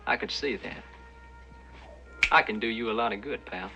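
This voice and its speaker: An actor playing a sly, slangy small-time hustler making chummy, wheedling sales patter in a film. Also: male voice, lowish voice, normal speed, bright, forceful tone, faint music behind.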